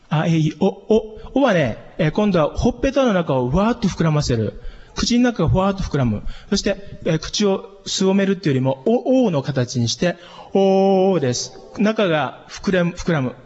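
Sex: man. Pitch: high. Role: worship vocal coach. Style: voice and diction lesson. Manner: patient, sings vowel demonstrations. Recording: long hall reverb. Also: very animated, normal speed, a little mellow, breathy edge, highs cut off.

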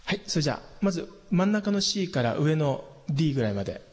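A man teaching a singing lesson, explaining patiently and calmly, with hummed demonstrations. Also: a little high, fairly quick. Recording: long hall reverb.

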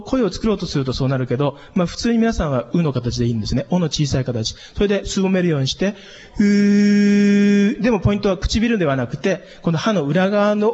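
Sex: man. Pitch: high. Role: worship vocal coach. Style: voice and diction lesson. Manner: patient, sings vowel demonstrations. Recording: long hall reverb. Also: darkish tone, highs cut off.

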